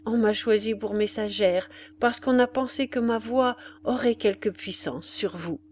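An impassioned young woman begs her beloved, her voice pitched high and full of tearful urgency, as a woman narrator puts her on. There is a faint hum behind her. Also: measured pace, darkish tone, close to an everyday voice. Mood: urgent. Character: desperate young woman pleading for her love.

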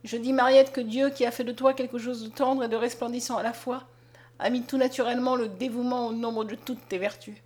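Soft sorrowful blind peasant youth for a storybook reading, read by a woman; fairly high voice, hushed and tender. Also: steady tone, brisk, close to an everyday voice. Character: gentle blind young peasant man, sorrowful. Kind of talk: audiobook character reading.

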